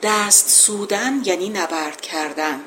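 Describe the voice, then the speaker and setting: A woman reciting classical verses slowly and then explaining each line in relaxed everyday speech, like a teacher. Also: mid-range voice, slight background noise.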